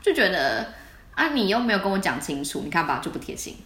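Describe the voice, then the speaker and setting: A woman's voice: on the low side, fast, reverberant. A young adult woman, co-hosting a casual podcast chat and telling stories with lots of laughter. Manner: animated storytelling with frequent laughter. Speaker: podcast co-host.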